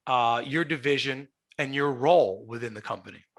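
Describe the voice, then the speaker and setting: A man hosts a podcast with a raspy smoker's voice that still cuts through brightly. His pitch sits in the middle. He talks in a chatty, showman-like way into a headset mic. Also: moderate pace. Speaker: podcast host. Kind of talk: lively podcast hosting. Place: small glass-walled office, video call. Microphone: headset boom mic.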